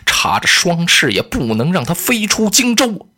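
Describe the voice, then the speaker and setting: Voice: medium pitch, big pitch swings, normal speed, sharp tone. A storyteller voicing a scheming noblewoman who scolds her younger brother with contempt. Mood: scornful. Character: scheming noblewoman, scornful older sister. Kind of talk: traditional storytelling.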